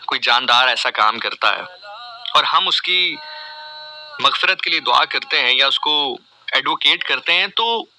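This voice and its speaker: Earnest radio host, very bright voice. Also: male voice, on the high side, low-quality recording. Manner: earnest, pleading, rhetorical questions. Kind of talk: reflective radio monologue. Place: radio studio.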